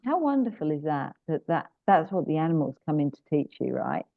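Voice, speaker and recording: Chatty woman with a low voice on a tinny line. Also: brisk, gravelly, no room sound. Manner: chatty and animated, many fillers and restarts. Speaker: guest, animal communicator. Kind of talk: casual interview chat. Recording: dry tinny phone-like line.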